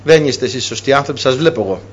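A man's voice: mid-range voice, lively intonation, breathy edge, highs cut off, voice pushed down. A man preaching who voices a stern ruler accusing visitors of spying, in the middle of a sermon. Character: stern ruler testing his brothers, accusing them.

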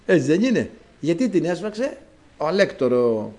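A man preaching a sermon, dramatic, swinging between loud exclamations and low asides. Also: very animated.

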